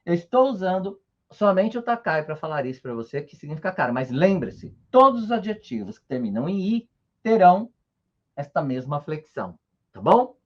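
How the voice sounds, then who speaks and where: Husky man teaching, lively pitch. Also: normal speed, lo-fi sound. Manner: patient, checks in often with short tags. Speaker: Japanese teacher. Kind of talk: online language lesson.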